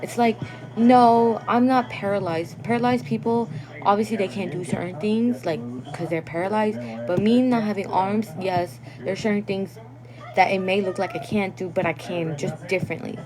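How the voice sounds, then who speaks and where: Over a rough recording with a crowd in the background, a young woman whose family is Guatemalan talks casually on a phone livestream. Her medium-pitched voice stays steady at a moderate pace, and because English isn't her first language she sometimes fumbles words, laughing often.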